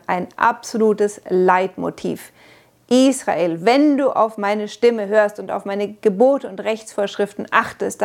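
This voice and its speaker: A woman's voice: mid-range voice, darkish tone. A woman giving an earnest Bible commentary in a sermon style, explaining a passage step by step and lifting her voice to stress key points. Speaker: Bible teacher.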